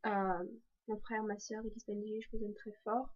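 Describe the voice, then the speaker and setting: A woman's voice: medium pitch, little pitch movement, moderate pace. A teenage girl from France talking casually to camera in a video diary, chatty with many fillers and restarts. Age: teens. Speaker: exchange student vlogger. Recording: dull lo-fi sound.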